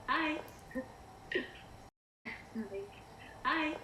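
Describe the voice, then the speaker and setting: A woman's voice: sits high, lively intonation, very slow, noisy background, full character voice. A woman playing Sonic as a young hero in training, giggling and teasing in live cosplay role-play over a call. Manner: giggly, playful. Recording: echoey live video call.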